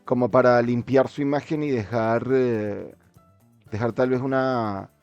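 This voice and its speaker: A man's voice: mid-range voice, steady tone, a little slow, a little mellow, dry recording, highs cut off, soft background music. A man in a casual football discussion, speaking as a commentator in a hesitant way, often repeating words mid-sentence.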